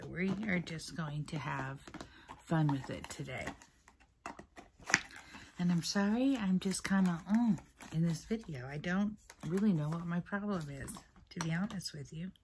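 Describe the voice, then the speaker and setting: A woman vlogger chatting casually through her makeup routine in a soft, half-whispered, rambling way, recorded at her mother's place on the camera's own mic without a separate microphone. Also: deep voice, lively intonation, moderate pace, noisy background. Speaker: beauty vlogger. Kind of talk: casual get-ready-with-me makeup chat. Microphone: built-in camera mic, no separate mic.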